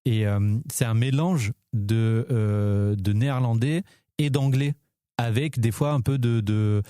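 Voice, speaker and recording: Warm-voiced man, eager film chat. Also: medium pitch, takes it slowly, smooth, no room sound, clean studio sound. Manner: enthusiastic, many fillers and restarts. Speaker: podcast co-host. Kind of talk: casual film podcast chat.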